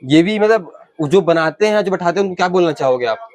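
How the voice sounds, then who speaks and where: A man's voice: high voice, lively intonation, fast, a little mellow. A male local reporter interviewing an idol maker in his workshop. He prompts the maker with questions and sums up the answers for viewers. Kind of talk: field interview.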